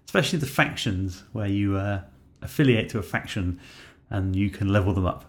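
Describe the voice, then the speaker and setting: A man co-hosting a casual gaming podcast, relaxed and hedging as he steers the talk. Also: on the low side, fairly quick. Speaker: podcast co-host.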